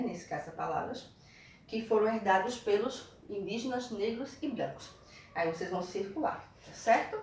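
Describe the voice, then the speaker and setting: A woman's voice: mid-range voice, very echoey, recorded from a distance, slight background noise. A woman from Brazil teaching a video lesson, guiding children through textbook exercises and checking in with frequent tag questions. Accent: Brazilian Portuguese.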